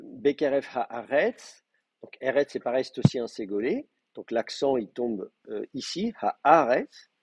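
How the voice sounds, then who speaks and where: A man's voice: medium pitch, dark tone, husky, no echo, dull audio. A man teaching an advanced class in a live lecture, explaining patiently with frequent hesitations and fillers. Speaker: Hebrew teacher.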